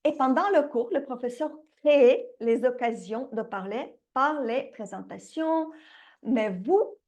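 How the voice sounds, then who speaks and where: A woman who teaches English to young children, talking straight to parents in a lively online lesson. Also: high-pitched. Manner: lively, addresses parents directly, laughs now and then. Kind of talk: direct-to-camera online lesson pitch.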